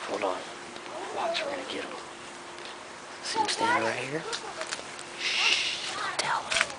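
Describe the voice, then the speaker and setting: A woman's voice: very high voice, huge pitch swings, measured pace, very noisy. A woman chatting casually for a vlog and calling out to people at an outdoor pool party, recorded on a handheld camera. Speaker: vlogger. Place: outdoors beside a backyard swimming pool. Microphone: handheld camera microphone.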